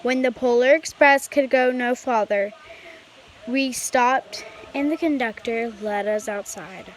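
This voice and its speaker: Female storybook reader, higher-pitched, unhurried and halting, on a slightly noisy amateur home recording. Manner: halting read-aloud with stumbles. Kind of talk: reading a children's picture book aloud.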